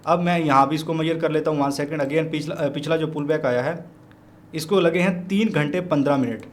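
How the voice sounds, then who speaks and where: A man from Pakistan, walking through trading charts as a teacher, chatty and repeating his points while he keeps calling the viewer brother. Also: on the high side. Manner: repeats points to drive them home. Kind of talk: chart walkthrough tutorial.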